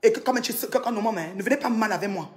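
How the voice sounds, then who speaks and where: A woman from Cameroon in an angry social media rant, scolding and mocking, swinging between loud outbursts and low mutters. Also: racing.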